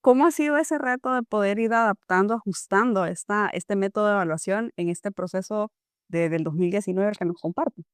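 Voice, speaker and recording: Female host, thoughtful measured interviewer, crisp resonant voice. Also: mid-range voice, no echo, clean studio sound. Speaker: podcast host. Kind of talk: interview questions.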